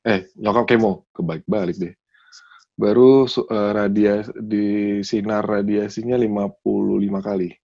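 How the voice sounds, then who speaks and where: Brief: low gravelly man, halting guest, dull lo-fi sound. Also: fairly even intonation, a little mellow. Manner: hesitant, halting recall. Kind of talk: casual conversation.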